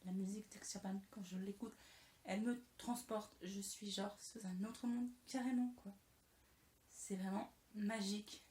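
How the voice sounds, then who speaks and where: A woman's voice: mid-range voice, fairly even intonation, unhurried, a little mellow. A young woman vlogging casually to camera, chatty and self-mocking, stumbling over names and muttering to herself as she fidgets. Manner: fidgets and moves around on camera. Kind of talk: casual talking-head vlog. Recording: echoey room, faint hiss.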